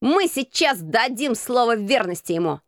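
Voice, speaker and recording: A woman's voice: a little high, big pitch swings, normal speed, no room sound, clean studio sound. Woman voicing a bossy street-boy gang leader. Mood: commanding. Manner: barking commands, gruff. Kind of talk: audiobook character voice.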